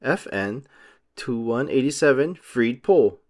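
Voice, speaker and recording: This medium-pitched man narrates a children's storybook, delivering each brief sentence deliberately for small listeners. He sounds animated, with a slightly mellow quality.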